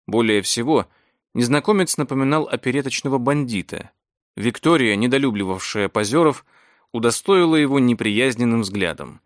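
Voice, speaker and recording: A man reading a novel aloud in a steady, measured storytelling voice. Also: medium pitch, no room sound, studio quality. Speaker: audiobook narrator.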